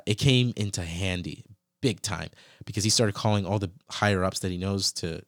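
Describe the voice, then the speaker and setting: A young man with a fairly low voice, retelling a personal ordeal in casual, animated storytelling. He speaks earnestly, quoting his own thoughts and stopping to reflect on scripture. The recording sounds close and dry, with no room around it. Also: dry recording. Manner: references scripture while reflecting.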